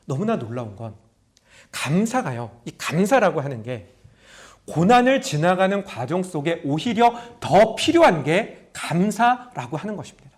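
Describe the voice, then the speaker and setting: A man's voice: sits high, sing-song, moderate pace. A middle-aged male pastor preaching a sermon, telling stories, acting out prayers and asking his congregation questions. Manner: storytelling preacher, acts out prayers in a raised voice; talks to the congregation directly, asking them questions.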